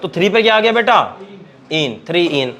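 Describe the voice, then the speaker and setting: A man's voice, pitched high, lecturing in a Hindi-speaking Indian accent. He is a chemistry teacher who drills his students with quick questions and calls them beta as he goes. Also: sing-song, fairly bright tone, highs cut off. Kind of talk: classroom lecture at a board.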